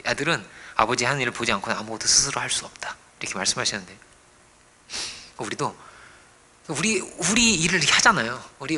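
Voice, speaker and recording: A man preaching a sermon as pastor, dropping to hushed whispers and rising to loud exclamations, often asking the congregation questions. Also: a little high, husky. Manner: dramatic swings between hushed whispers and raised exclamations; asks the congregation rhetorical questions.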